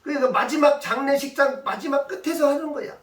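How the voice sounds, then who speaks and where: Emphatic high-voiced pastor in echoing church. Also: male voice, a little fast, fairly bright tone. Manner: emphatic, rhetorical questions to congregation, storytelling. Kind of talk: sermon. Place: church sanctuary. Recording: echoey church from a distance.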